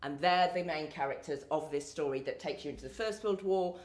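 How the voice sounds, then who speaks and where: A woman's voice: sits low, brisk, crowd noise. Woman speaking in an echoey room. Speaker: panel speaker, actor. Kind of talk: conversational panel talk.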